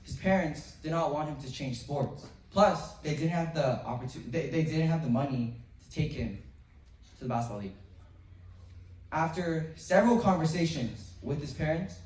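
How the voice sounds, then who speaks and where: A 7th-grade boy, a young teen student speaker, earnestly delivers a memorized speech to his school, pausing between phrases and occasionally restarting. His voice is a little high and a little mellow, and he sounds distant from the mic in a roomy, echoing hall.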